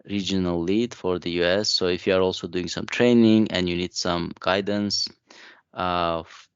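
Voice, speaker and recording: A man with a very low, gravelly voice talks in a relaxed, easy way, full of small fillers. His tone is smooth and resonant, and the sound is dry and slightly muffled, as if over a call. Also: normal speed, no echo. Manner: relaxed, conversational, with frequent fillers. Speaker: co-presenter of a tech session. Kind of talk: casual conference chat.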